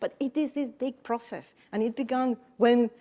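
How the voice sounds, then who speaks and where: Woman from Costa Rica, conference panelist, slightly higher voice, earnest and emphatic with repeated phrases. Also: moderate pace, warm tone. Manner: earnest, emphatic storytelling with repetitions.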